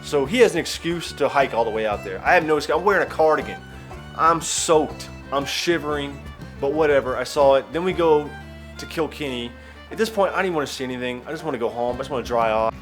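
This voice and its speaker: A man's voice: medium pitch, fast talker, soft background music. Wry self-mocking vlogging man. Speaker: travel vlogger and stand-up comedian. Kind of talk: casual vlog chat.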